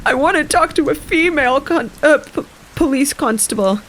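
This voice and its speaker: A woman reading the part of a brisk, scheming older woman sleuth in a novel reading. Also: medium pitch, very animated, a little hiss or hum, close to an everyday voice, poor audio. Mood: fake weeping. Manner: brisk and commanding, fakes weeping.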